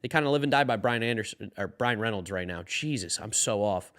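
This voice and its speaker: A man with a fairly low, expressive, fairly bright voice hosts his daily baseball live stream, speaking fairly quickly. He sounds tired as he rambles loosely and reads chat questions aloud before answering them.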